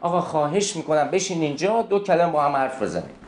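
An actor playing an ordinary, patient friend who calmly reasons and pushes back. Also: male voice, fairly high pitch. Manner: calm, reasoning, mildly defensive. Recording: roomy echo.

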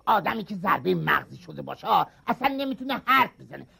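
An actor playing a put-upon café waiter who grumbles irritably. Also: male voice, high-pitched, very animated, vocal fry, sharp tone, slightly rough, no echo, full character voice. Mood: scornful. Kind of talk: TV sketch comedy acting.

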